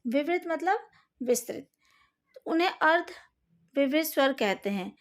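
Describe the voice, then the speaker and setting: A woman's voice: high voice, lively intonation, slow. A woman teaching a recorded lesson, carefully sounding out each vowel and speaking directly to her students. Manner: speaks to students directly, asks them to fix slides. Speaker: Hindi teacher.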